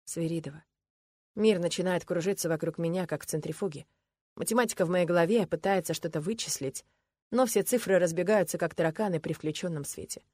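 A woman narrating a story in the first person, lively and voicing the other characters. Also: on the low side, brisk, no echo. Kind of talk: audiobook narration.

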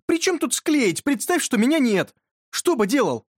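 A man voicing an excitable, earnest schoolboy who presses hard with questions and bursts into shouting. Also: high-pitched, measured pace, breathy edge, no echo, studio quality, pitched above the performer's own voice, full character voice. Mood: insistent.

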